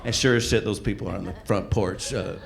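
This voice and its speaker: A middle-aged man does stand-up comedy at a live venue, telling conversational, profane stories and acting out dialogue and reactions for the audience. His voice is fairly low, gravelly, and steady in tone, moving fairly quickly, and the comedy club recording is noisy.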